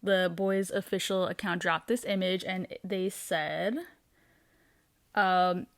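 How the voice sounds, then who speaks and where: A woman's voice: lowish voice, steady tone, slow pace, dry recording. A young woman hosting her weekly entertainment show, gushing in a casual, bubbly way with lots of "um" and "like". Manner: bubbly and gushing, many fillers like "um" and "like". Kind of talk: casual fan commentary.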